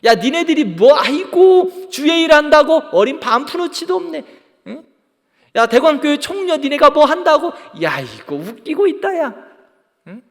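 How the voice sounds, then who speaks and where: A man's voice: very high-pitched, sing-song, fast talker, hardly any pauses, mellow, long reverb tail, pitched above the performer's own voice, heavily acted. A man doing sneering ancient enemies jeering. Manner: taunting, jeering, scornful. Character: sneering ancient male enemies mocking builders.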